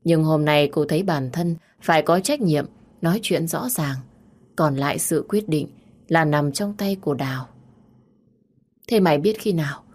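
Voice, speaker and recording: A woman narrating a romance story in an even, storytelling manner. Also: low-pitched, normal speed. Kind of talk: scripted audiobook narration.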